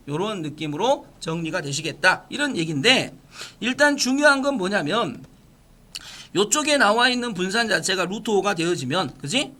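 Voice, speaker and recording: A man's voice: high voice, sharp tone. A male math teacher giving a lecture, explaining step by step and often asking his students check-in questions.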